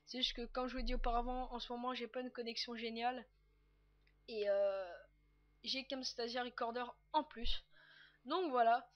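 A woman's voice: a little high, steady tone, normal speed, dull audio. A young woman narrating a casual screen-recorded game tutorial, chatty and loose with lots of fillers. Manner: chatty and loose, with many "donc, euh" fillers and repeated "tout simplement". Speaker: tutorial maker.

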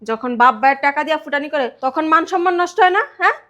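Brief: actress as the complaining elder sister-in-law; high, fast, sharp. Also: female voice, lively intonation. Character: bitter sister-in-law, elder brother's wife. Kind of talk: village family drama acting.

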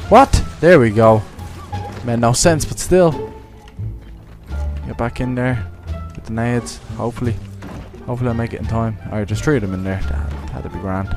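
A man streaming a shooter game, talking over his headset microphone with quick excited exclamations and swearing. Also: mid-range voice, music in the background. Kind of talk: live gameplay commentary.

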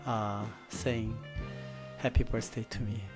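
A middle-aged man with a Korean accent, a native Korean speaker giving an informal, reflective presentation in halting English at a desk microphone. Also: lowish voice, little pitch movement, over music. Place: studio desk with a virtual set. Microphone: desk gooseneck microphone.

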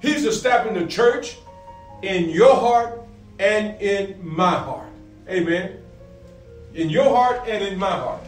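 Speaking slowly and pausing often, a middle-aged pastor with a high, lively voice preaches from scripture. He asks and answers his own questions and repeats phrases, punctuating them with amens, while faint music plays in a roomy space picked up by a distant mic.

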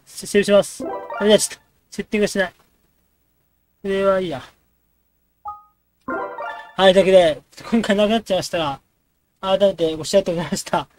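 A man's voice: high voice, faint music behind. A man casually commenting and joking while playing a dating game. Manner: quick, joking reactions to the game. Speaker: let's play host.

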